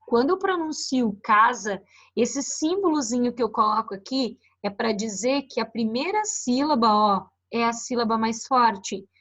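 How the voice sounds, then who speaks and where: A woman's voice: on the high side, a little slow, a bit bright. A woman teacher with a Brazilian Portuguese accent giving a recorded lecture, explaining slides with frequent "né" and "ó". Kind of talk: recorded online lecture on phonetics.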